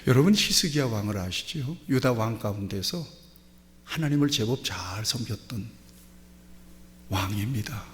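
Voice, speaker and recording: Korean pastor preaching in a reverberant hall. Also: male voice, on the low side, expressive, normal speed, pauses often, a little hiss or hum. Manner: storytelling, acting out quoted prayers and dialogue. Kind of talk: sermon. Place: church sanctuary.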